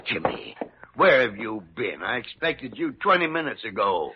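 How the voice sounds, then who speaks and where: Gruff old doctor, swooping emphatic delivery. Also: male voice, mid-range voice, big pitch swings, moderate pace. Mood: brusque. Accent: American. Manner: brusque, scolding, emphatic. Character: gruff, blunt, commanding old senior doctor. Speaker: actor in a radio drama. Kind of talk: classic American radio drama acting. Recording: dull, band-limited old radio recording.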